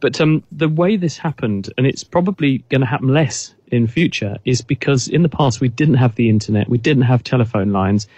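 A man's voice: medium pitch, brisk, hardly any pauses, darkish tone, dry recording, muffled recording. A man, a guest expert on a radio chat, explaining thoughtfully with frequent restarts.

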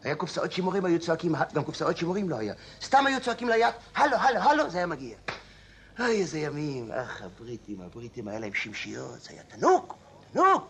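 A man's voice: on the high side, big pitch swings, a bit bright. A man playing a chatty old man in a comedy sketch, grumbling and drifting off into nostalgic tangents. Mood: boastful rambling. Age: older.

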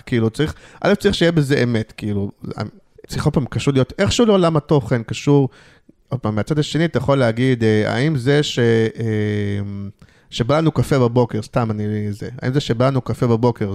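A man's voice: mid-range voice, darkish tone. Hesitant man full of fillers. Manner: hesitant, many fillers and restarts. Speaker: guest, advertising creative. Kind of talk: casual interview chat.

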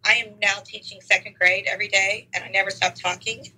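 Lady, middle-aged, raspy and super bright voice, chatty with lots of ums. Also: mid-range voice, fairly even intonation, fairly quick, poor audio. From Texas. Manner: enthusiastic, many fillers. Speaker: interview guest, teacher. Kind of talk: casual interview.

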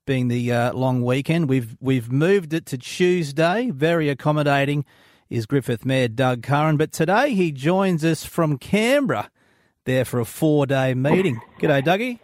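A man's voice: fairly high pitch, lively intonation, measured pace, dry recording. A man with an Australian accent hosting a casual radio interview in a chatty, matey way from a studio. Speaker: radio host.

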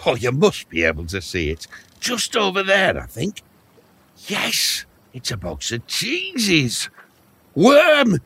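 A gravelly, dithering old man adrift in a boat. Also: fairly high pitch, huge pitch swings, pushed and bright, full character voice. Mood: excited. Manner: slow, dithering and wistful. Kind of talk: children's audio story acting.

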